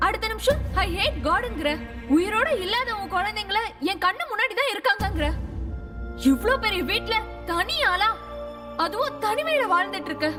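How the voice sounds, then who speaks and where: A woman's voice: extremely high pitch, expressive, normal speed, over music. An actress playing a frightened, confused young woman who keeps asking questions in a film. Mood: anxious. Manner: anxious, questioning. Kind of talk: film dialogue. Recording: distant mic under film score.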